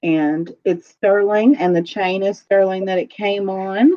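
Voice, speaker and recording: A woman's voice: medium pitch, steady tone. Chatty woman on a muffled stream. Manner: chatty, rambling, quick to laugh. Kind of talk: casual live-stream chat.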